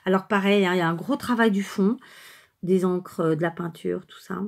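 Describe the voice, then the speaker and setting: A woman vlogger chatting casually and hesitantly while showing craft cards, often pausing and correcting herself. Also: lowish voice, gravelly. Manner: chatty, rambling, many hesitations and self-corrections. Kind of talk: casual unscripted show-and-tell.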